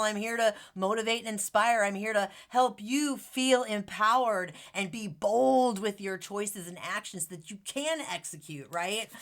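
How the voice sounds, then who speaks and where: A woman's voice: medium pitch, a bit bright. A woman giving a casual tarot reading to her viewers, bubbly and chatty, with affectionate asides and lots of fillers. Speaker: tarot reader.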